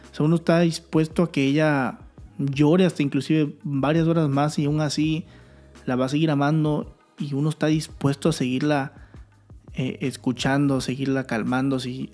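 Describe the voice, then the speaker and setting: A man's voice: medium pitch, a little mellow. A young man, a new father, talking earnestly and candidly to his viewers in a casual vlog. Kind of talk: casual vlog talk to camera.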